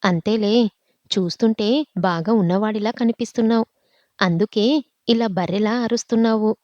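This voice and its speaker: A woman's voice: mid-range voice, moderate pace, darkish tone, no echo, lo-fi sound, lightly acted. A woman voicing an arrogant rich young man who taunts and threatens. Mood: mocking.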